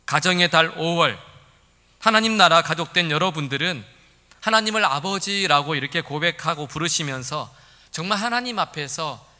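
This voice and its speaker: A man's voice: on the high side, expressive, moderate pace, bright, forceful tone, big-room sound. A man preaching a sermon as senior pastor, earnest, often putting questions to the congregation. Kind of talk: sermon with opening prayer. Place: church sanctuary.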